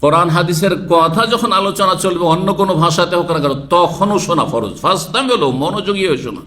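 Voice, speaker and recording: A man's voice: sits high, fast talker, bright, forceful tone. A man from Bangladesh preaching a sermon lecture in a mosque, explaining Arabic verses word by word and putting rhetorical questions to his listeners. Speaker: Islamic preacher.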